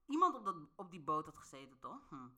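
A woman's voice: fairly low pitch, very animated, a little fast, sharp tone. A woman talking straight to her viewers in a playful, casual monologue, often laughing and checking they follow her. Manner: playful, laughs often, asks the listener questions. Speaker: vlogger.

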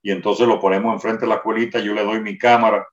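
Fast-talking older man telling a story. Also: lowish voice, flat delivery. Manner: detailed storytelling with restarts. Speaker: interviewee recounting a wartime memory. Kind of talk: first-person testimony. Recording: roomy, distant, dull sound.

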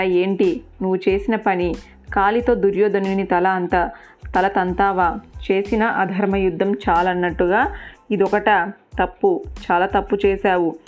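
A woman's voice: mid-range voice, darkish tone, lightly acted. A woman voicing a righteous elder king who rebukes his brother and mourns the fallen, in an earnest tone, with faint music behind. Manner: scolding then lamenting, earnest.

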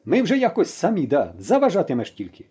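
A man doing a brisk army lieutenant. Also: on the high side, wildly swooping pitch, warm tone, breathy edge, exaggerated voice. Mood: commanding. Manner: brisk, commanding, with a habitual "da".

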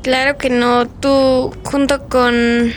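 Woman doing a hurt bullied schoolgirl, high flat voice, faint hiss behind, amateur drama. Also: very slow. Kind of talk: amateur role-play drama.

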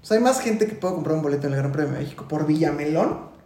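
A man's voice: a little high, lively intonation, quick pace, warm tone, slight background noise. A man with a Mexican accent, a Formula 1 expert on a casual podcast, explaining patiently and often saying "güey". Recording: roomy echo.

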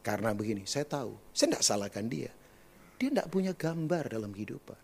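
A man preaching a sermon, moving between loud high calls to the congregation and low quiet asides. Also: big pitch swings, a little fast, creaky. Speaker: pastor.

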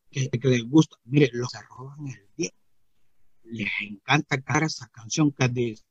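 A naive, rambling rustic churchgoer, as a man puts him on in a comic monologue, speaking with a gravelly, husky voice pitched a bit high. He keeps looping back with "mire" and acts out the other voices in his tale. The recording is dull and lo-fi, and the room sounds dry. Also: a bit bright, dry recording, full character voice.

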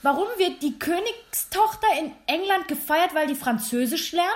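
A woman's voice: very high voice, lively intonation, moderate pace. A woman from Germany, a podcast guest, talking emphatically and slipping English words into casual chat.

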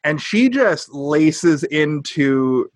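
A man's voice: on the high side, expressive, very slow, no room sound. A man co-hosting a podcast, casually recapping a show with blunt, wry opinions. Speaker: podcast co-host. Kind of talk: casual recap chat about a sitcom.

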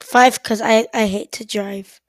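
Slow, deadpan woman with short replies. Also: a little high, dry recording, clean studio sound. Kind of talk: casual chat.

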